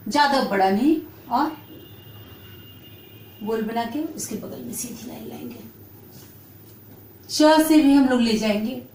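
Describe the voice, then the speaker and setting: A woman teacher explaining a children's lesson slowly, drawing out each syllable. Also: sits high, darkish tone, reverberant, recorded from a distance, slight background noise. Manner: slow, drawn-out syllable-by-syllable explanation.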